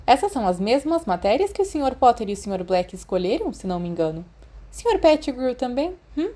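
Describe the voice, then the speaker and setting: A woman's voice: on the high side, big pitch swings, warm tone, voice pushed up. Woman reading McGonagall, formal elderly Brazilian professor. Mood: probing. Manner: formal, measured. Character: elderly female professor, formal, tactful, kindly but probing.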